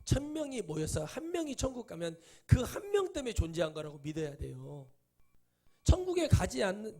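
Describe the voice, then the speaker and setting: A middle-aged male pastor preaching a sermon, animated and full of rhetorical questions, acting out quotes from others. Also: fairly high pitch, breathy edge.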